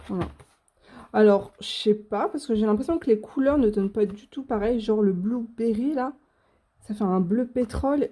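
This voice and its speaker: A woman's voice: medium pitch, mellow, husky. A young woman hosting a casual unboxing video, chatty and gushing with frequent fillers. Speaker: coloring channel host.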